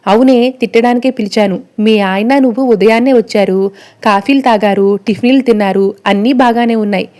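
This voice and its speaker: A woman's voice: a little high, natural voice. A woman reading out a scolding bitter grandmother. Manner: sharp, scolding. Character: scolding older grandmother, sharp-tongued and bitter. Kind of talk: read-out dialogue in a serial recap.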